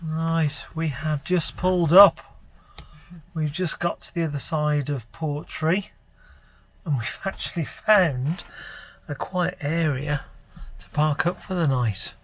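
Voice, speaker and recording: A man's voice: fairly high pitch, slow pace. A man narrating a casual travel vlog outdoors, chatting as he points out the views. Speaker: travel vlogger. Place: outdoors on a road trip.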